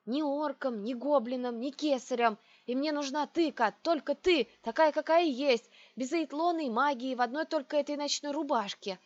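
Hushed, daring young ruler read by a woman narrator, a little higher than her usual voice, storybook audiobook. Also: moderate pace, few pauses, dry recording, muffled recording, lightly acted. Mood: tender. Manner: hushed, urgent. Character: young man, bold, loving, scheming ruler.

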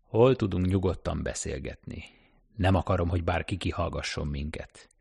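A man voicing a cautious, secretive man on the run in an audiobook reading, measured and guarded. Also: low voice, vocal fry, a little mellow, husky, heavily acted.

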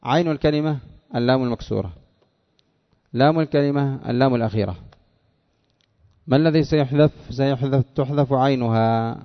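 A man teaching an Arabic morphology lesson, quizzing his students and repeating words slowly to drill them. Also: medium pitch. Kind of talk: classroom lesson. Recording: dull lo-fi lesson recording.

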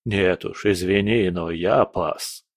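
A tired, reproachful count with a low and resigned delivery, played by a man in an audiobook. The voice sits deep and the recording is dry. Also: slow, no room sound, heavily acted.

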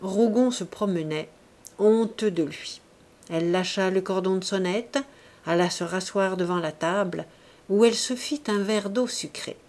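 A woman reading a classic novel aloud in a measured, expressive way. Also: mid-range voice. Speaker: audiobook narrator. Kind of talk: literary audiobook narration.

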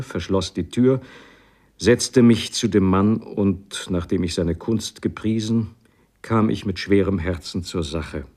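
Low-voiced man reading a classic tale. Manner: expressive, dramatic first-person narration. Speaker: reader. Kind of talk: literary audiobook reading.

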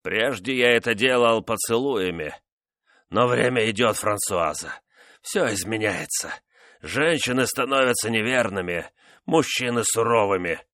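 A man voicing a cruel, vengeful nobleman who mocks his wife in a slow, menacing way. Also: fairly low pitch, animated, fairly bright tone, no echo, studio quality. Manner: mocking, menacing, measured.

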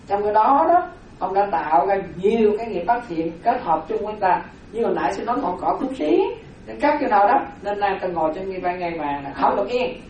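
A woman giving a Buddhist Dharma talk, explaining slowly with repeated phrases and rhetorical questions. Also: mid-range voice, expressive, muffled recording, a little hiss or hum. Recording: very echoey hall from far off.

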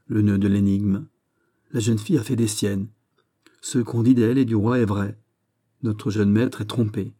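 A man's voice: lowish voice, mellow, lightly acted. A man voicing an anxious, blunt old male servant. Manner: urgent, clipped replies.

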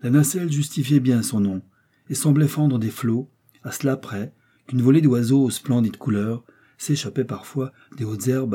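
A man reading a novel aloud as an audiobook narrator in a steady, measured way. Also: medium pitch, slightly rough. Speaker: audiobook reader. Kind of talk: scripted narration.

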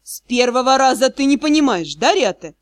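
A woman's voice: sits high, sing-song, brisk, no echo, clean studio sound. A woman voicing a mocking, sinister male magister of death in an audiobook. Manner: sneering, ironic.

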